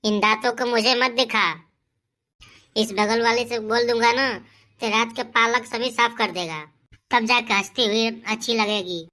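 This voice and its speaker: A woman's voice: on the high side, steady tone, measured pace, bright, forceful tone. Cheeky cartoon village boy, voiced by a woman. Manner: cheeky, bickering, comic. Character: cheeky bickering village boys, boastful and crude. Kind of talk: comic cartoon voice acting.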